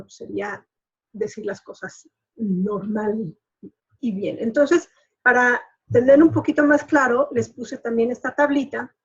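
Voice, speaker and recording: A woman's voice: fairly high pitch, breathy edge. A woman, a coach hosting a show, explaining in a chatty way with many fillers. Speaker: life coach and show host. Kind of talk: casual explanatory talk. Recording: dull lo-fi recording.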